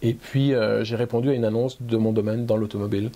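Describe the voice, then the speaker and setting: A middle-aged Frenchman, whose French accent carries a slight Québécois tinge, speaks as a guest in a conversational interview, with lots of fillers and restarts. His lowish voice is steady and mellow, and he talks fast.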